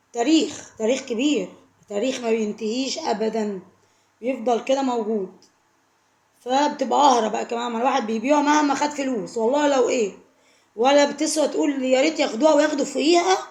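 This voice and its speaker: An Egyptian woman talks quickly and earnestly, pressing heartfelt advice on her viewers again and again. Her voice sits a little high with a gravelly edge. The room around her adds a noticeable echo. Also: a little mellow. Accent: Egyptian Arabic. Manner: emotional, repetitive, pleading. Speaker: vlogger.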